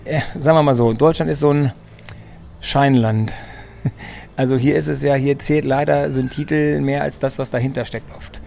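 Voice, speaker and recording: A man with a gravelly, dark voice talks casually as an interview guest. He tells his story in a chatty way, often circling back and repeating words as he searches for phrasing. He sits in a restaurant for the conversation. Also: medium pitch, fairly even intonation, normal speed, slight background noise. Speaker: interview guest, sports physician. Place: restaurant in Munich.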